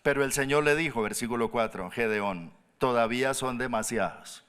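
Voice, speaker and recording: A pastor preaching a sermon, animated, jumping up high for emphasis and dropping to soft low tones. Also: male voice, normal speed, smooth. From Colombia.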